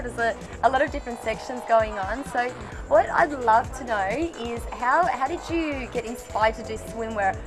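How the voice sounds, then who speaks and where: Bubbly high-voiced woman reporter. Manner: bubbly, laughs often. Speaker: fashion show reporter. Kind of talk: casual event interview. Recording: music playing behind.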